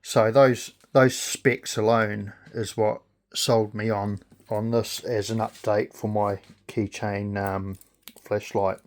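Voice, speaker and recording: Male, New Zealand accent, slow and hesitant, unscripted casual reviewer. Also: on the low side, little pitch movement. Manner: halting, hesitant delivery with pauses. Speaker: gadget reviewer.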